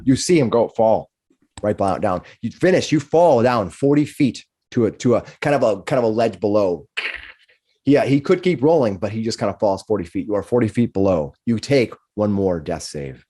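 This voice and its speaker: A man's voice: fairly low pitch, expressive, normal speed, warm tone. Man running a tabletop game, repeating phrases. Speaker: game master. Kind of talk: casual tabletop game narration.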